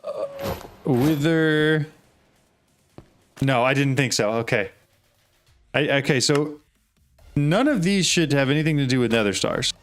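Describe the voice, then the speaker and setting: A man's voice: on the high side, a little slow, pauses often, soft background music. A man streaming a game, thinking aloud in casual talk and often asking puzzled questions. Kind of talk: casual live gameplay talk.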